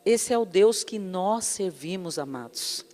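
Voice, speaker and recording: A woman's voice: mid-range voice, expressive, unhurried, warm tone, in a large hall. A woman preaching a sermon with personal testimony, fervent and calling her listeners brothers and beloved.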